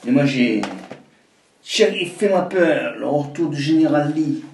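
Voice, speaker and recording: A man's voice: fairly high pitch, animated, measured pace. A man with a southern French accent, casually reading out game titles and adding nostalgic remarks. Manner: reads game titles aloud, nostalgic asides. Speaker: flea market seller co-host. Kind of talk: casual live unboxing chat. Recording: echoey room, far from mic, noisy.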